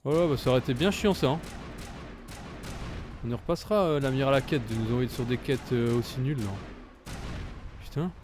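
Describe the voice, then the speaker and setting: A man's voice: medium pitch, a little fast, long pauses, background noise. A man giving casual, swearing commentary while playing a video game, thinking aloud and praising himself. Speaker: gaming YouTuber. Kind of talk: casual let's-play commentary.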